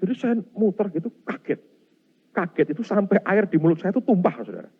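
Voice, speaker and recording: A middle-aged pastor preaches a sermon with a high, brisk, husky voice, animatedly acting out scenes from his story. He often addresses the congregation as "Saudara." The recording has a dull, lo-fi sound.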